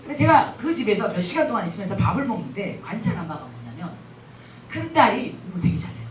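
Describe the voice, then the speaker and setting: A woman gives a guest talk at a church revival, her pitch swinging widely as she rushes through her points. She keeps tossing rhetorical questions at the crowd. The sound is roomy and caught from some way off the mic, with a faint hiss underneath. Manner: animated, asks the audience rhetorical questions. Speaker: guest missionary speaker. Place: large church hall. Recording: echoey hall, mic at a distance.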